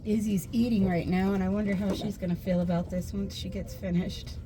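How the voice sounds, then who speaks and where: An American woman chatting casually to camera while sitting outdoors in an animal pen, gently soothing the animals. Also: medium pitch, steady tone, brisk, slight background noise. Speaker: homestead vlogger. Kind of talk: casual vlog narration.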